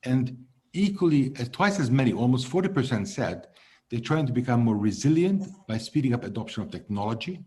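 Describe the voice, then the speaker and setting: In a mellow, mid-range voice, a logistics executive in his fifties who was born in Hungary responds to interview questions. His delivery is measured, and his phrases tend to trail off.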